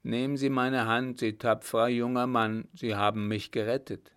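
A man playing a calm, commanding emperor. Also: mid-range voice, clean tone, natural voice. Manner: measured, formal. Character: commanding older male emperor, calm and gracious.

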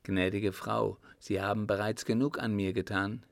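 A man's voice: fairly low pitch, flat delivery, normal speed, vocal fry, no echo. A man reading an audiobook, voicing a polite young male explorer with short, surprised replies.

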